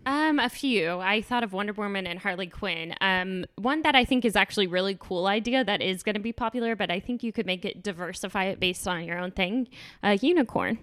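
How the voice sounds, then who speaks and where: A woman's voice: mid-range voice, fairly quick, fairly bright tone, smooth, no echo. A young woman co-hosting a podcast, easygoing and giggly, talking casually with lots of fillers. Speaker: podcast co-host. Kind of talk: casual chat.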